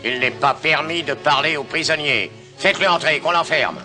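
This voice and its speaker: An actor playing a greedy, ruthless military commandant, curt and imperious, in a dubbed TV adventure. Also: male voice, fairly high pitch, moderate pace, over music, lightly acted. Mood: angry, commanding. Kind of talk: French-dubbed television adventure acting.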